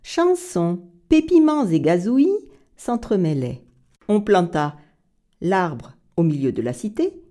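A woman's voice: on the low side, big pitch swings, takes it slowly, mellow. A woman narrating a children's story expressively, slipping into whispers and playful bird calls.

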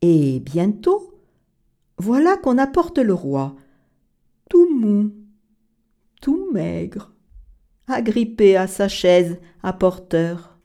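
Woman children's storyteller; expressive, unhurried, warm dark tone. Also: mid-range voice. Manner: expressive, sing-song, dramatic.

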